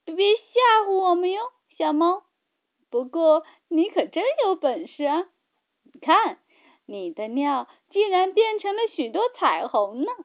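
A woman's voice: extremely high pitch, very animated, unhurried, pitched above the performer's own voice, exaggerated voice. A woman voicing a proud, boastful flying fish leader in a children's storybook. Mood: hearty. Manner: boastful, hearty. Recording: tinny phone-like sound.

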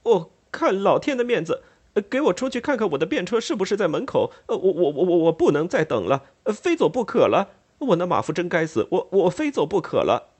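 A plump, bashful young dandy, as a man acts him out, stammering and flustered in a strained high voice. He repeats his words and rushes to get out of the room. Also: very animated, darkish tone, slightly rough, heavily acted.

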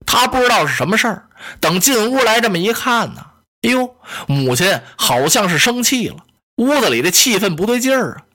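A man's voice: high voice, a little fast, a little hiss or hum. A male storyteller, narrating a historical tale in a vivid, rhythmic traditional style. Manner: vivid, animated, rhythmic delivery.

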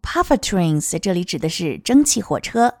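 A woman teaching English pronunciation of a children's song, modeling each sound slowly and clearly. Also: fairly low pitch, very animated, no echo, studio quality. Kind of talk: explaining song lyrics and pronunciation.

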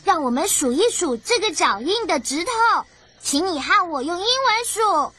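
A woman's voice: extremely high pitch, big pitch swings, full character voice. A woman voicing an eager, caring child explorer in an educational cartoon, talking straight to the viewer in a teacherly way. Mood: eager, instructive. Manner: deliberate, teacherly, addresses the viewer. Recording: loud music under the voice.

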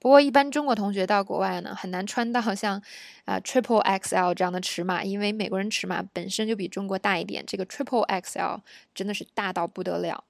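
A woman's voice: mid-range voice, fairly even intonation, brisk, gravelly, no echo, studio quality. A woman teaching phrases in a patient, chatty way, with many fillers and asides to the learner when she says the examples. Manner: patient, conversational, with many fillers and tag questions. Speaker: English teacher. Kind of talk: explaining English phrases for shopping.

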